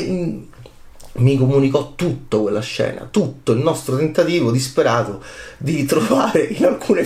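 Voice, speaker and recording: A man in his forties giving a passionate film commentary monologue, animated, full of rhetorical questions and leaps in pitch. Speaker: film critic. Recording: roomy echo.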